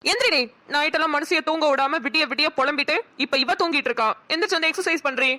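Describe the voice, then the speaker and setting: Woman, Namakkal Tamil accent, high voice, quick, bright, scolding cartoon friend. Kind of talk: cartoon voice acting.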